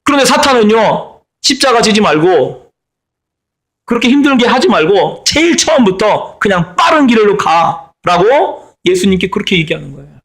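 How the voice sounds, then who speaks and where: A man's voice: high voice, sing-song, normal speed, fairly bright tone. A middle-aged man preaching a sermon as pastor, stressing and repeating his key phrases.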